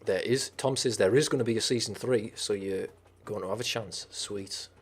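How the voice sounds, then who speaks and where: Slightly rough and lowish, this voice belongs to a Teesside-accented man running a live stream at normal speed. He reads out viewer comments and replies casually, rambling, swearing and frequently starting over.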